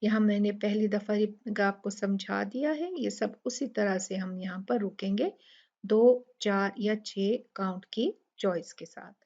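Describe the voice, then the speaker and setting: In a step-by-step recitation lesson, a female tajweed teacher patiently explains the Quran recitation rules word by word, demonstrating each one aloud. Her mid-range voice is unhurried and darkish, and the recording has its highs cut off.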